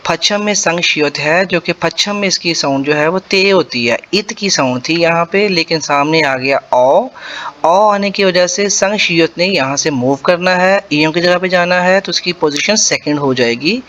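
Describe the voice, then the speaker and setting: A man's voice: a little high, fairly bright tone. Patient man teaching Korean pronunciation. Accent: Punjabi-accented Urdu. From Pakistan. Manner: patient, repeats sounds slowly syllable by syllable. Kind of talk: explaining Korean pronunciation to beginners.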